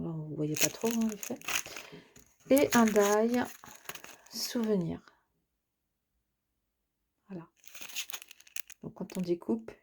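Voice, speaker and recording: A woman's voice: mid-range voice, gravelly, noisy background. A woman chatting casually to her viewers as she unboxes craft items, hesitating often with filler sounds. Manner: chatty, addresses the viewer directly. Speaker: craft vlogger.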